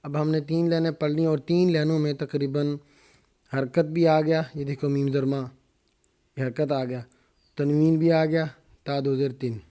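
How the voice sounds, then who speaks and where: A male Quran reading teacher with a Pakistani Urdu accent guides beginners through a reading drill. He spells each syllable slowly and then explains the rules. His voice is dark and mellow, with an even, flat delivery. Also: fairly high pitch, smooth.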